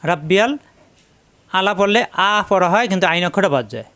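A man teaching Quran pronunciation step by step, repeating syllables slowly to drill each sound. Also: sits high, lively intonation, bright, forceful tone, smooth.

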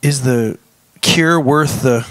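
This talk show co-host takes it slowly in a mid-range voice, reading quiz questions aloud in a playful, casual chat. He repeats each one and laughs along the way.

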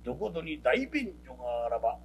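A self-important male storyteller, put on by a man, holds forth in stilted, old-fashioned speech. His voice sits low and rough with grit. The Kansai lilt runs under the grandeur. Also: big pitch swings, brisk, slight background noise, rough recording. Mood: pompous. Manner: grand, archaic, stilted phrasing.

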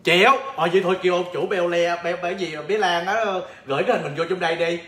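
A man hosting a lively sales livestream, playful and laughing often as he teases callers. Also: sits high, fast, roomy sound. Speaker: livestream seller and host. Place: home, in Chicago.

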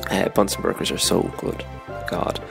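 A man's voice: moderate pace, music in the background. A man, a podcast host, reading a chatty, self-mocking sponsor spot that he recorded on a phone dictaphone app away from the studio. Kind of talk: casual read sponsor spot. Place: home in Waterford, not the studio.

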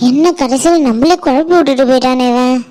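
A suspicious village mother from a family cartoon, voiced by a woman, with a high voice. She scolds the people around her and keeps repeating herself when she is confused. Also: fast, warm tone, soft background music, lightly acted. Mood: scolding. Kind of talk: Tamil cartoon voice acting.

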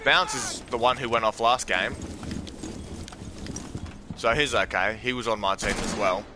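Australian male gamer, lowish voice, cussing banter, gunfire clutter underneath. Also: unhurried. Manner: swears often, joking banter with teammates. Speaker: gaming streamer. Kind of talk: casual live gameplay commentary. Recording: game gunfire noise under voice. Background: game gunfire and effects.

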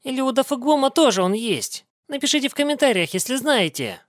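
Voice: high voice, very animated, fairly quick, no echo, clean studio sound. A reaction show host giving casual, colloquial commentary in an incredulous manner. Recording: cartoon music behind the voice.

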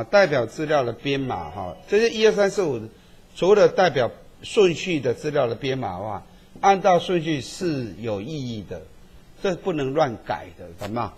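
A husky male statistics teacher, lecturing to a classroom. His pitch swings up and down lively as he keeps tagging sentences with quick checks on whether the students follow.

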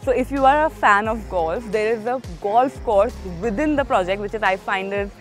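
A woman's voice: medium pitch, normal speed, faint music behind. A young woman presenting an upbeat walkthrough tour of a residential complex, speaking with enthusiastic, sales-minded energy on a lapel mic outdoors. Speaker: real estate presenter.

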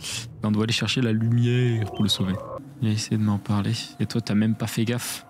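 A man's voice: fairly low pitch, flat delivery, fairly quick, background noise. A man from France casually commenting on his game play, joking and doing playful silly asides. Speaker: streamer. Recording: music playing behind.

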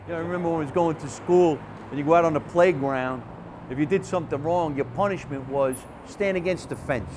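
A man, a comedian telling animated stories from his childhood in a casual interview. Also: a little high, a little fast, background noise. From Jersey City, New Jersey. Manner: animated, chatty storyteller with frequent restarts. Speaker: comedian, guest.

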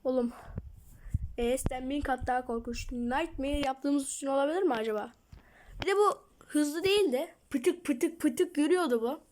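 A woman's voice: high voice, moderate pace, darkish tone. A woman hosting her gaming channel, jumpy and self-mocking, talking to herself through a horror game at home. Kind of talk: horror game let's play commentary.

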